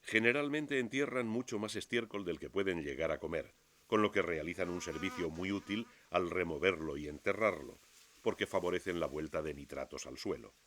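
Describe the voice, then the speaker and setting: Low-voiced man narrating a nature documentary. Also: fairly bright tone. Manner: measured, expository storytelling.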